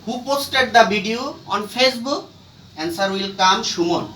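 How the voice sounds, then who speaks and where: A male English grammar teacher with a Bangladeshi accent gives a formal, expressive lecture in a high, bright voice. He speaks slowly and deliberately, halting phrase by phrase with intentional breaks. The recording comes from a distant mic in an echoey room, with faint noise.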